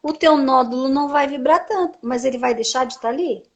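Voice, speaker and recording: A woman speech therapist explains her subject step by step in a slightly high voice. She teaches by asking rhetorical questions, then answering them herself, with a steady tag question after her points. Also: brisk, lo-fi sound. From Brazil. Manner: frequent tag "né". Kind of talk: live-stream conversation, explaining.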